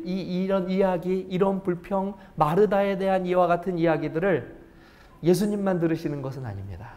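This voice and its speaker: A man with a notably high voice delivers a sermon as pastor in a church. He talks straight to the congregation, keeps asking it rhetorical questions and moves from loud, emphatic points to quiet asides. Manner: lively, shifts between loud emphasis and hushed asides. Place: church sanctuary.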